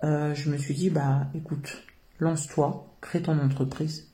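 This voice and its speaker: A woman's voice: low-pitched, little pitch movement, unhurried, mellow. A middle-aged woman from France answers interview questions about her work, earnest and hesitant, with many filler sounds. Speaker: founder of a social work business.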